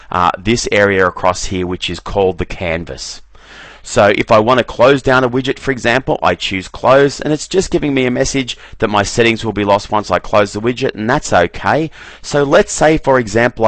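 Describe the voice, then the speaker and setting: A man giving a relaxed screen-recorded software walkthrough, often repeating "very, very" as he clicks through menus. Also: on the low side, dry recording. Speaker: software trainer.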